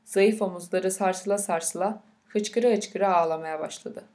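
A woman narrating an audiobook of a novel, with a measured, unhurried reading. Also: medium pitch, a little mellow.

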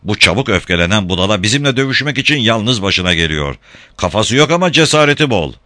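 A man's voice: fairly low pitch, big pitch swings, fast, sharp tone, dry recording, clean studio sound. A man voicing a young male sea captain who speaks in a hard, resolute way in an audiobook. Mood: stern. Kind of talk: audiobook character voice.

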